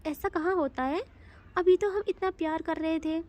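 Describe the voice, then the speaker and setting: A woman voicing a devoted young woman who soothes her partner in a gentle, coaxing way. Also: very high-pitched, moderate pace.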